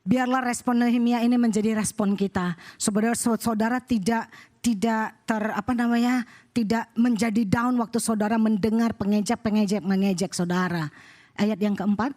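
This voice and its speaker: A woman pastor giving a sermon in church, lively and conversational, acting out little dialogues and mixing in English phrases. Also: a little high, moderate pace. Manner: animated preaching that mixes in English phrases and acts out dialogue.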